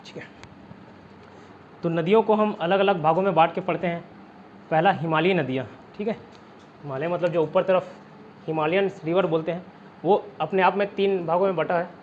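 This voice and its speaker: Over phone-quality audio with a little hiss or hum, a high-pitched Indian man with a Chhattisgarh Hindi accent teaches exam-prep geography. He keeps a moderate pace, a fairly even intonation, and pauses often. Chatty throughout, he keeps saying "theek hai" and quizzing his students with mnemonics.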